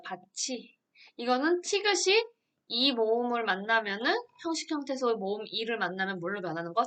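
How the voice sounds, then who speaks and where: A woman's voice: a little high, pushed and bright. A woman teacher giving an online grammar lesson, explaining patiently and asking her students questions she then answers herself.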